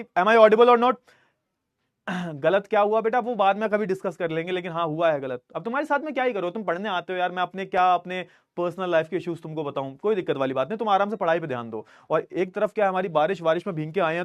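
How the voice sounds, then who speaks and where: Male online teacher, casual and talkative, slightly high pitch, dry close sound, often checks his audio. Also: fast, no echo. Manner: chatty, addresses students as "beta", keeps checking his audio. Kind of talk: casual live online class. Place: recording studio.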